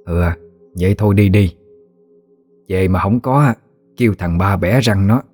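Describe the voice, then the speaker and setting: A man voicing a sharp-tongued blind old grandmother who scolds in a Southern Vietnamese accent. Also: low-pitched, a little slow, faint music behind. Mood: scolding. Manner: scolding, dry.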